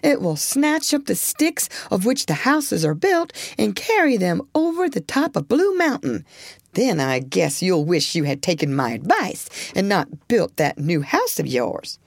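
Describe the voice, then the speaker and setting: A woman's voice: fairly low pitch, sing-song, measured pace, creaky, no room sound, studio quality, full character voice. A woman voicing a lazy, teasing male beaver in a storybook reading.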